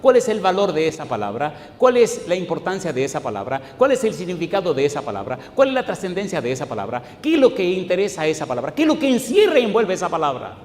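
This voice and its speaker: A male pastor preaching in a church sanctuary, his voice a touch high for a man. He hammers rhetorical questions at the congregation and drops from loud declaiming to low asides. The sound rings around a large hall with a long reverb and a faint hiss underneath. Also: huge pitch swings, fast talker, hardly any pauses. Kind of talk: sermon.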